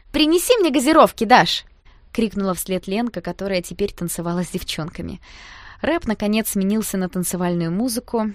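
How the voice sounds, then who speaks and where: A woman reading a first-person audiobook aloud, with a lively, expressive delivery on a close mic. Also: mid-range voice, no echo. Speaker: audiobook narrator.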